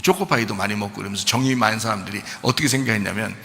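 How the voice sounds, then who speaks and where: Gravelly, bright-voiced male pastor preaching. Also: on the low side, very fast, big-room sound. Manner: conversational, with rhetorical questions. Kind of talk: sermon. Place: church.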